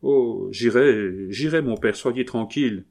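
A man's voice: medium pitch, slow, creaky, a little mellow. A man reading aloud voices an emotional young man, a remorseful son who speaks to his father in a fervent, pleading way. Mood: devoted.

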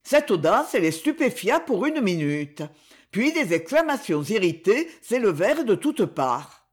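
Expressive narrator reading aloud. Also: mid-range voice, a little slow. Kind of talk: audiobook narration.

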